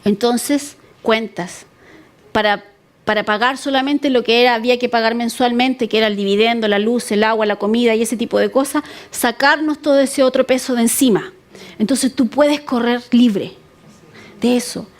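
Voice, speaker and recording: High-voiced woman pastor preaching. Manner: earnest, repeats words for emphasis; acts out prayers in a pleading voice. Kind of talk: sermon.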